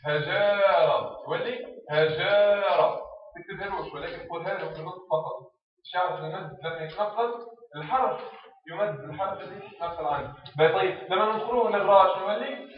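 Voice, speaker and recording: A man's voice: sits high, quick pace. Male instructor, step-by-step teacher-pupil demos, distant, dull and echoey recording. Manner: explains step by step, acts out teacher and pupil exchanges. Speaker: teacher trainer. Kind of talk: instructional talk on teaching reading.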